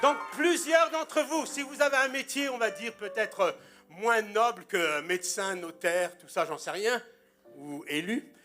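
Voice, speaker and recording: High-voiced man preaching with humorous stories. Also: unhurried, bright, forceful tone, faint music behind. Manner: humorous storytelling, anecdotes with punchlines. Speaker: pastor. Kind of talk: sermon. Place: church.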